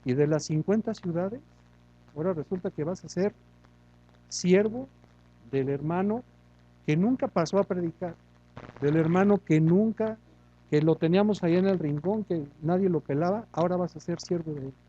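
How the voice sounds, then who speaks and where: A man pastor delivers a sermon in a high but mellow voice. He fires off rhetorical questions and pokes fun at himself. His delivery is animated and conversational. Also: normal speed, long pauses, slightly rough, lo-fi sound. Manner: animated, rhetorical questions, self-mocking humor.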